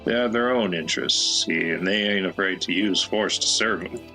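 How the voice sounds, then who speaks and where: A man's voice: low-pitched, normal speed, creaky, pushed and bright, faint music behind, heavily acted, poor audio. A man voicing a chatty, folksy old male peddler with a put-on American Southwestern drawl, reading game dialogue in character.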